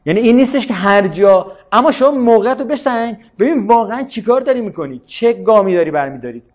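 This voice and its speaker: A man's voice: sits high, animated, muffled recording. A man giving an informal, argumentative lecture who often asks his listeners whether they follow. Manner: argumentative, checks listeners follow with rhetorical questions. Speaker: speaker on religion and politics.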